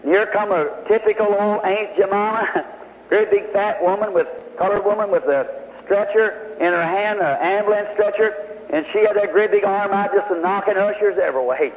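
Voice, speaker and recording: A man's voice: high-pitched, normal speed. Male preacher, folksy storyteller, long reverb of a big hall, faint hiss under it. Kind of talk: sermon testimony storytelling. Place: large hall before a congregation. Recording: tinny old hall recording with faint hiss.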